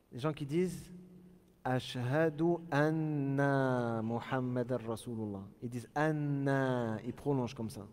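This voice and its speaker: A man teaches a religious lesson in a mellow, relaxed voice, carried by a long reverb. He explains patiently and spells out Arabic phrases slowly, repeating each one to show how it is pronounced. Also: mid-range voice. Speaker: Islamic teacher.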